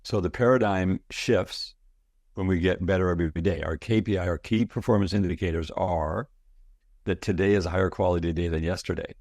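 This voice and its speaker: A man's voice: sits low, steady tone, fairly quick, darkish tone, dry recording, studio quality. A man in his sixties, a guest talking casually and enthusiastically in an interview, telling stories and often repeating words. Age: 60s. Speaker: guest, product founder.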